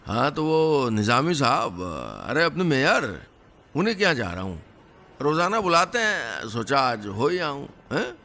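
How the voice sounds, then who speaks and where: A man's voice: fairly high pitch, sing-song, measured pace, pushed and bright, full character voice. A man doing a boastful, fussy old-style village hakeem. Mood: bragging. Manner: bragging, fussy, indignant. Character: boastful middle-aged male small-town herbal doctor.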